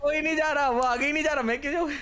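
A man with a Hindi accent calls out urgent directions to his teammates in an online game. His voice is very high. Loud, crowded chatter from many other players fills the background. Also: fairly even intonation, rapid-fire. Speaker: gamer. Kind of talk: casual gaming chat.

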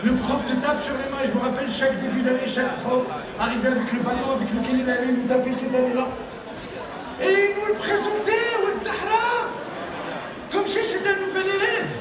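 Animated male stand-up comic, high voice. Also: brisk. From Tunisia. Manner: animated, acts out characters with pitch jumps. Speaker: stand-up comedian. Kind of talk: stand-up comedy. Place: large theater stage with live audience. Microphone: handheld mic, filmed from the audience. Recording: echoey hall from far off, crowd noise.

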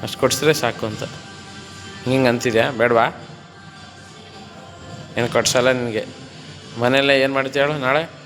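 A man's voice: medium pitch, steady tone, normal speed, long pauses, a bit bright, big-room sound, faint music behind. A man working as a fitness trainer, counting reps and coaxing and teasing his client through a workout in a gym. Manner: counts reps, coaxes and teases the client playfully.

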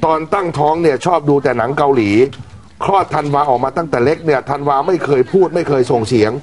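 A man presenting morning news, retelling a story in a chatty, animated way. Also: a little high, fast.

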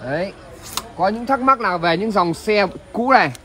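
A man with a northern Vietnamese accent pitching as a used car salesman on a livestream, chatting to viewers with repeated filler tags. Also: lively intonation, normal speed, fairly bright tone. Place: large covered open-air car lot at night. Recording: noisy outdoor car lot ambience.

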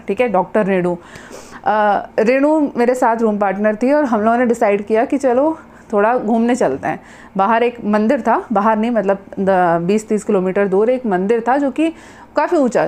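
A woman doctor telling a personal story in a casual monologue, her voice rising high and loud at dramatic moments. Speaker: doctor sharing personal experience.

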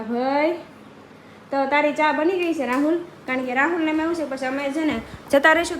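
A woman, chatting loudly and directly to her vlog viewers. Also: high voice, slight background noise. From Gujarat, India. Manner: loud-voiced. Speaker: vlogger. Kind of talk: casual vlog narration. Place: roadside outdoors and at home.

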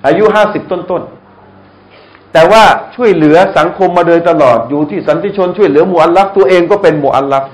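A middle-aged man giving a lively sermon to a live audience, often asking them questions and joking. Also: high-pitched, moderate pace, rough recording. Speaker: Islamic lecturer. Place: restaurant hall, live audience.

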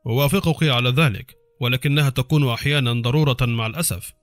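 A man's voice: mid-range voice, quick pace, dry recording, faint music behind, close to an everyday voice. A man voicing a hardened male intelligence officer in an audiobook, speaking curtly and coolly. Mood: cold dry. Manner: curt, cool delivery. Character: hardened male spy, dry and cold.

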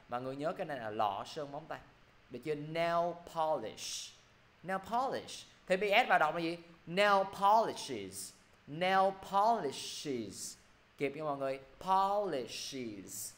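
A man teaching an English pronunciation class, drilling words slowly and checking in with students over and over. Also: mid-range voice. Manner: repeats "được chưa" constantly, drills words slowly.

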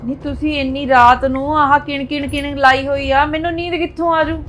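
Woman as an elderly nagging grandmother, bossy and loud. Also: high voice, unhurried, slight background noise.

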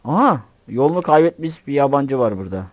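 A man narrates his game in a bouncy, lively voice that swings up and down in pitch. He jokes, swears in fun and talks to himself as he plays. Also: quick pace, no room sound. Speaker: gamer. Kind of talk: casual gameplay commentary.

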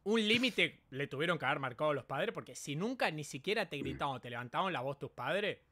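A man's voice: fairly high pitch, expressive, fairly quick, pushed and bright, no echo. A man with an Argentine accent hosting a casual call chat, blunt and opinionated, often cutting in. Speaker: streamer host.

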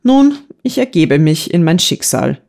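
A woman's voice: lowish voice, sing-song, a little slow, vocal fry, darkish tone, full character voice. A woman reading a stubborn young man who grumbles with mock solemnity in an audiobook. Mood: grumbling. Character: stubborn young man, the elder son, dramatic.

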